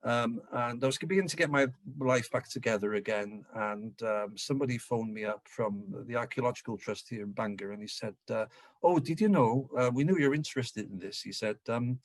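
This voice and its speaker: A man's voice: mid-range voice, fairly quick, few pauses, no room sound. A middle-aged man from North Wales with a Welsh accent, giving an anecdotal local history talk and acting out the dialogue. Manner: lively storyteller who acts out dialogue.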